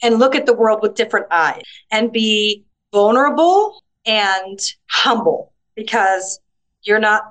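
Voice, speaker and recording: A middle-aged woman, a guest author, telling lively stories in a casual interview and acting out the voices of people she quotes. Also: mid-range voice, unhurried, rough recording. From United States. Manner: animated storytelling, acts out quoted voices.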